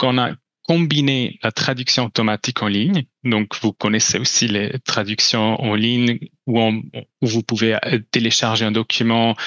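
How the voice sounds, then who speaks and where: A man with a mid-range, fairly bright voice presents hesitantly at a conference, using slides. He is a company presenter from Switzerland whose first language is German, and he restarts often and leans on fillers. The audio is dull with no room sound.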